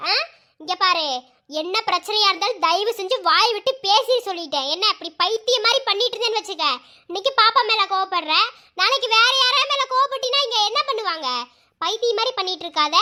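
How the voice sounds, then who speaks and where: A woman's voice: very high-pitched, expressive, brisk, pushed and bright, exaggerated voice. A woman voicing an exasperated young husband and father who scolds and pleads in a cartoon story. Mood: angry. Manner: scolding, pleading, repeats demands. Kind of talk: Tamil cartoon story voice acting.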